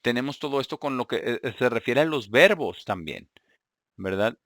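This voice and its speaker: A man preaching a teaching sermon, halting and repeating words, often checking in with his listeners. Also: medium pitch, animated, fairly bright tone, no echo, studio quality. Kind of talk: sermon teaching Greek grammar.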